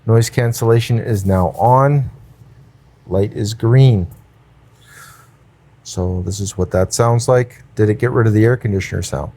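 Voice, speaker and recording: A man's voice: on the low side, a little slow, pauses often, mellow. A man demoing gear, talking step by step through a wireless clip mic with noise cancellation and a voice filter on. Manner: plain, step-by-step explaining. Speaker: gear reviewer. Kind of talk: product demo talk. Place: room with air conditioner running. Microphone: wireless clip mic into phone.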